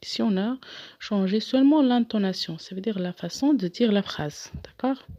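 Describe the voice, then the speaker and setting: A woman's voice: mid-range voice, moderate pace, dark tone, dry recording. Woman teaching a grammar lesson, dry lo-fi. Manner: clear, patient, step-by-step explaining. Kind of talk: French grammar lesson, reading exercises aloud. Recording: dull lo-fi sound, dry.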